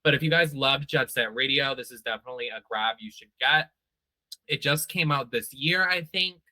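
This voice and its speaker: Guy hosting a game panel, super bright voice, slangy and playful, dry close sound. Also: medium pitch, normal speed, no room sound. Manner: chatty and slangy, playful asides. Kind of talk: casual chat.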